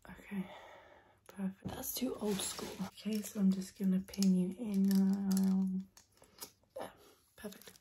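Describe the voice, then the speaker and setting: A woman doing a whispered role-play in a soft, breathy ASMR voice, coaxing the listener playfully with repeated trigger words and tingly mouth sounds. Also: level tone, unhurried, long pauses, a little hiss or hum. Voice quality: whispery, breathy soft voice, often slipping into soft low speech. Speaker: ASMR performer.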